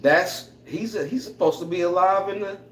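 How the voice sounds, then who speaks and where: A man co-hosting a podcast in casual chat, animated and slangy, acting out lines as he talks. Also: high voice, moderate pace. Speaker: podcast co-host. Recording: echoey room.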